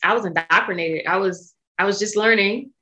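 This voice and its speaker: In an interview, an American woman in her thirties, a sommelier and entrepreneur appearing as a guest, speaks frankly and emphatically and cusses freely. Her medium-pitched voice is pushed and bright at a moderate pace, and the audio quality is poor.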